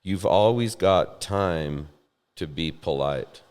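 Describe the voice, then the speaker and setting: Man, very low voice, deadpan, dry humor, casual podcast talk, room reverb. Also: slow, clean tone. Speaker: podcast host. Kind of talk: casual chat.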